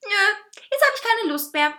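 A woman's voice: extremely high pitch, lively intonation, a little slow, pushed and bright, pitched above the performer's own voice, full character voice. A woman voicing a cocky male talking cake, a whiny diva who teases and bosses. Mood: smug. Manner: teasing, whining and bossy.

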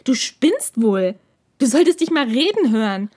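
A woman's voice: high voice, sing-song, unhurried, a little mellow, voice pushed up, heavily acted. A woman voicing a defiant, hot-tempered young male student who snaps back indignantly. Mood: angry. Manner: indignant, snapping.

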